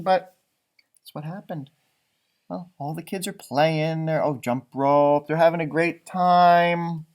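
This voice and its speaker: With a fairly high voice, a man reads a children's storybook aloud in an animated, teacherly manner. He stretches out words for young listeners and drops in casual, encouraging asides.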